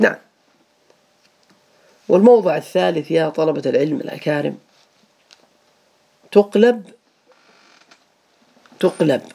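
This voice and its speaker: A man's voice: fairly high pitch, creaky, dark tone. A man teaching a grammar lesson to students, patiently repeating each rule and asking them questions.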